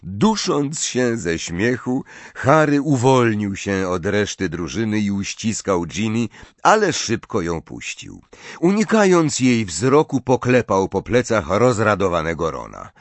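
A man narrating an audiobook in an expressive, lively reading. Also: on the low side, a little slow, no room sound. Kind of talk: scripted narration.

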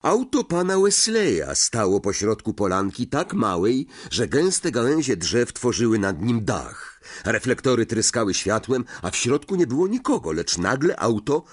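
A man reading a fantasy novel aloud as audiobook narrator, in an expressive storytelling manner. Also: medium pitch, measured pace, few pauses, husky. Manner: expressive storytelling, varied intonation.

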